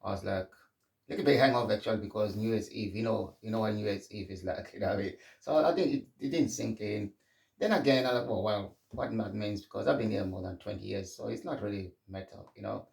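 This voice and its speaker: A man's voice: on the low side, brisk, vocal fry, darkish tone, roomy sound, recorded from a distance. A middle-aged man from Zimbabwe hosting a podcast, talking candidly in a reflective solo monologue. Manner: candid and conversational, frequent restarts. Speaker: podcast host.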